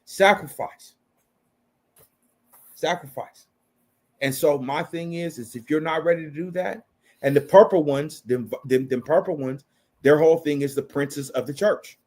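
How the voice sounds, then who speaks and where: A man's voice: fairly high pitch, a little slow, long pauses, a little mellow. A man in his thirties delivering an impassioned opinion rant, blunt and profane, repeating phrases for emphasis.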